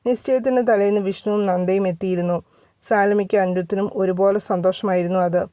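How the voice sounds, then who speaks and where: A woman narrating a romance story in a steady, measured reading. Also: mid-range voice, dry recording.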